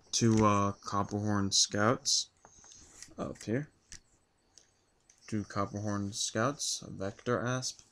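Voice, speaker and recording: Hoarse male vlogger, voice shot from yelling, low-ish pitch, casual rambling recap. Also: slight background noise. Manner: rambling, with many ums and restarts. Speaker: card game vlogger.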